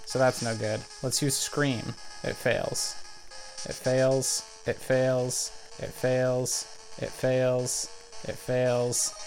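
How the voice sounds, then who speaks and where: Soft background music plays under a rough recording of a man talking extremely slowly in a medium-pitched voice. He's a let's play gamer offering excitable, casual commentary, narrating each move and health count as he plays.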